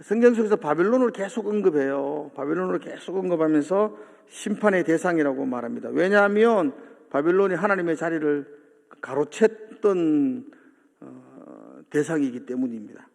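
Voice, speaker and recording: A man's voice: fairly high pitch, sing-song, normal speed, gravelly, a little mellow. A male pastor preaching a sermon in a church, often asking the congregation questions and seeking their agreement. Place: church sanctuary. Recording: long hall reverb from a church.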